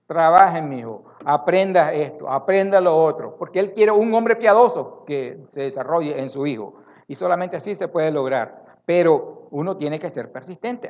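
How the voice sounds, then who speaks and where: A man's voice: fairly high pitch, a little mellow, muffled recording. Emphatic preaching man. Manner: emphatic preaching, repeating words for stress. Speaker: pastor. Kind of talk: sermon. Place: church.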